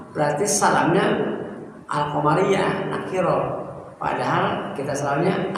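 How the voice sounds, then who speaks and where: A man's voice: fairly high pitch, fairly bright tone. A male religious teacher gives a lesson to a congregation, quizzing his listeners and reciting Arabic phrases. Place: prayer hall of a neighborhood mosque. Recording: very echoey hall, far off, noisy ambience.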